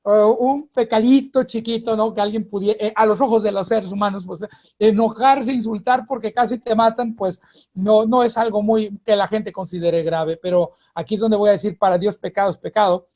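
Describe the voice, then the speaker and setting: A man with a Mexican accent, a pastor speaking as a radio guest, preaching in an earnest, halting way that often repeats words. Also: high voice, steady tone, lo-fi sound.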